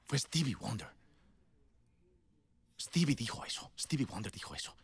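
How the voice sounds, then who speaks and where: A man's voice: mid-range voice, big pitch swings, moderate pace, vocal fry, husky. A man preaching a sermon in a conversational storytelling way, emphatic and laughing often.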